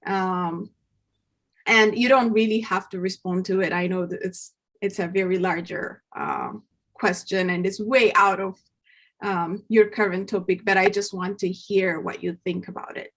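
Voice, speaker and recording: Woman, mid-pitched, informal conference questioner, conversational, thinking aloud. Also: a little slow, a bit bright. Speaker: audience member asking a question.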